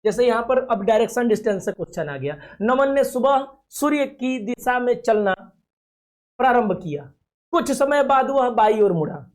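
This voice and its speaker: A man with a very high, expressive voice teaches a reasoning lesson at a moderate pace for a coaching video. Confident and coaxing, he promises results, keeps asking "clear?" to check understanding, and calls the students dear children.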